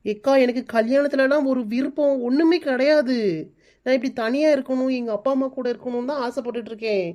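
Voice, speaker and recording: A woman's voice: sits high, fairly even intonation, fairly quick, a little mellow, close to an everyday voice. Woman voicing a stubborn whiny village daughter. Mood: pleading. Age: 20s. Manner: whiny, pleading. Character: stubborn 29-year-old village daughter avoiding marriage. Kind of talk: cartoon voice-over.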